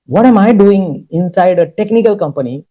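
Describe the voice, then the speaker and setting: A man's voice: high-pitched, lively intonation, normal speed, warm tone, dull audio. A man speaking as a guest at an industry summit, telling stories and stacking up points in lists. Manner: storytelling, emphatic lists. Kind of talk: conversational interview talk.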